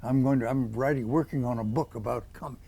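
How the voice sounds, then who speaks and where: A man's voice: mid-range voice, fairly even intonation, a little fast, creaky, warm tone, slightly rough. A man in his eighties, an author, answering interview questions with rambling, folksy stories full of quoted dialogue. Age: 80s.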